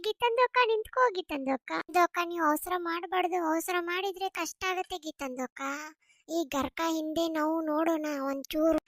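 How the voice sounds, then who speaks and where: A woman with a North Karnataka accent voicing a nosy village friend who keeps urgently pleading and hushing. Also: very high-pitched, a little fast, no room sound, studio quality. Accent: North Karnataka Kannada. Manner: pleading, hushed urging.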